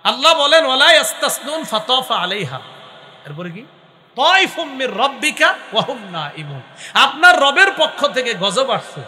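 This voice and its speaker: Male preacher, high and ringing, chanted verses and animated explanation, long hall reverb. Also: moderate pace. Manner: chants verses then explains in lively spoken Bengali, acting out whispers. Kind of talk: Bengali waz sermon with chanted Quran recitation.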